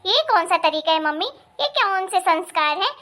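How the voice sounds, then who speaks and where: A woman's voice: very high voice, lively intonation, normal speed, sharp tone, full character voice. A woman voicing a spiteful, scornful young sister-in-law in a cartoon family story, talking in a sneering, accusing way.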